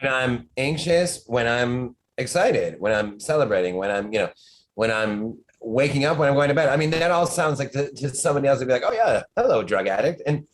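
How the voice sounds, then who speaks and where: A man's voice: medium pitch, fairly quick, low-quality recording. Rambling, stammering man guest. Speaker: podcast guest, horror author. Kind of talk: casual chat.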